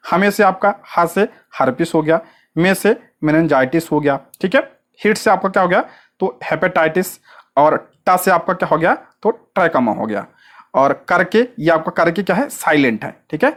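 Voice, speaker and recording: Quiz-style exam-prep teacher. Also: medium pitch. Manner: asks rhetorical questions and answers them at once; repeats short check-ins and stresses key points.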